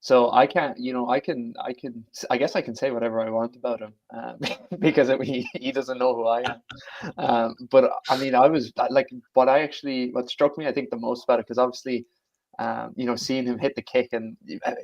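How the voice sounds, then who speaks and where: A man's voice: medium pitch, fairly even intonation, brisk, a little mellow, muffled recording. A young man from Galway with a west of Ireland accent, chatting casually and in a rambling way as a podcast guest. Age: young adult. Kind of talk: casual chat.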